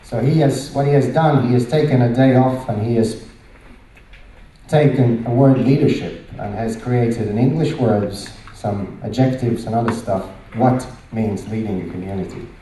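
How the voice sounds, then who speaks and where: With a mellow, medium-pitched voice at a moderate pace, a middle-aged Latvian-accented man from Latvia presents at a conference, favoring short emphatic phrases and rhetorical questions. A handheld mic captures him in a large indoor hall with heavy echo, distant sound, and a slight hiss or hum.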